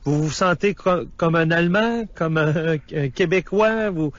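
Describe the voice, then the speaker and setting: A man's voice: on the high side, a little slow, no echo, highs cut off. A man hosting a radio interview, asking casual, chatty questions with some restarts. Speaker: radio host.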